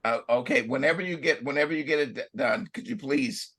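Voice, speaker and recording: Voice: medium pitch, brisk, a bit bright, breathy edge. A photo judge who is losing their voice, casually questioning entrants in an easygoing way.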